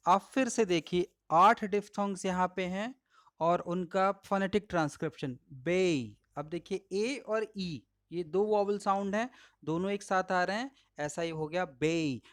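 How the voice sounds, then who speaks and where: A male pronunciation teacher with an Indian English accent and Hindi as his first language, slowly and patiently modeling each word aloud while explaining slides. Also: high-pitched, dry recording, clean studio sound. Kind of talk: slide-based lesson.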